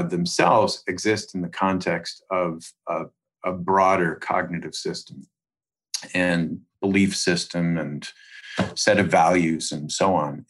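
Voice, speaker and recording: A man appears as an expert guest in an interview, explaining things in careful, measured academic language with deliberate pauses. His voice is low-pitched with a slightly bright quality.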